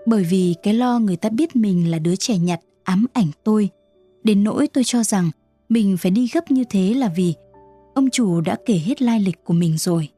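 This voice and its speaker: A woman giving scripted first-person narration of a story in a steady storytelling manner. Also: medium pitch, no echo. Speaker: audiobook narrator.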